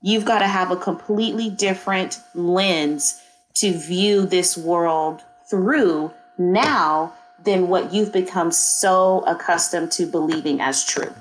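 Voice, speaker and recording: A reflective woman from East Oakland, slightly low-voiced, talks through her thoughts in a relaxed panel chat. She circles back and restarts often. The sound is close and dry. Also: takes it slowly, a little hiss or hum, rough recording. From East Oakland, California. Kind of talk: casual panel conversation.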